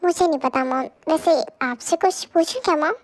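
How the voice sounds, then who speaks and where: A woman's voice: extremely high pitch, brisk. A woman voicing a young wife who pleads and talks emotionally, in a fan audio drama dub. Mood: sad. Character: young wife, tearful and longing.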